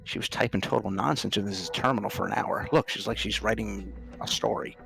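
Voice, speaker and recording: A man's voice: fairly low pitch, gravelly. A man voicing a frantic, bewildered man in a crisis in a tabletop game. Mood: baffled. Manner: urgent, halting, bewildered.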